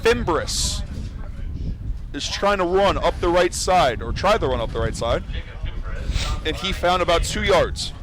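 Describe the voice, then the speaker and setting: A young man calling college football play-by-play, excitable and getting loud on big plays, outdoors at a stadium. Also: high-pitched, measured pace, pauses often, a little hiss or hum. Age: young adult. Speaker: play-by-play commentator.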